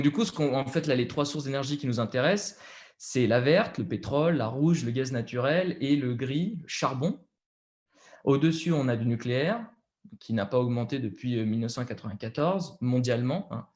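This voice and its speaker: Young man, French accent, halting with fillers, slide presentation, video call. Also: medium pitch, a little mellow. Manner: hesitant, many fillers and restarts.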